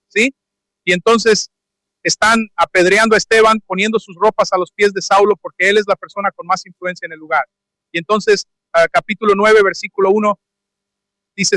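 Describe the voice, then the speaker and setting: A man preaching a lively sermon in a church, asking the congregation questions and acting out the dialogue of the scripture figures. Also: high-pitched, no room sound, poor audio. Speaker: pastor. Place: church sanctuary. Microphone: handheld or stand microphone.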